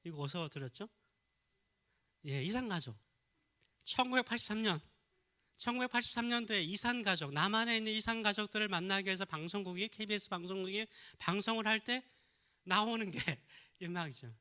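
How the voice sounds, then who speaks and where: High, bright-voiced Korean pastor preaching. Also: male voice, fairly quick. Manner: asks the congregation questions and answers them himself. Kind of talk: sermon.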